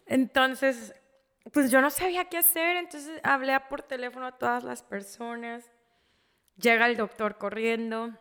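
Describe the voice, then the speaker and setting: A woman with a Mexican accent telling an emotional personal story, halting, with many restarts and repeated words. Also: fairly high pitch, steady tone, a bit bright, smooth, in a large hall.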